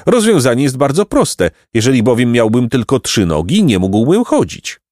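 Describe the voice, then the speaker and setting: A man's voice: medium pitch, big pitch swings, normal speed, a little mellow, no room sound, studio quality, natural voice. A man voicing a pompous, stubborn male donkey who fancies himself a philosopher, in a lofty, ponderous storybook manner. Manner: lofty, ponderous, self-important. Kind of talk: audiobook reading of a children's tale.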